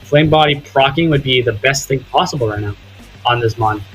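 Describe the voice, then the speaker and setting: Over his gameplay footage, a young man with a mid-range voice gives casual commentary at a fairly quick pace, thinking aloud and occasionally cursing. Faint music plays in the background of this rough recording.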